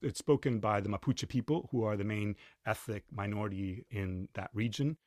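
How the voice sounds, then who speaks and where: A man from Chile, a linguist, answering interview questions in a measured, academic way. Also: lowish voice, a little mellow, no echo, clean studio sound.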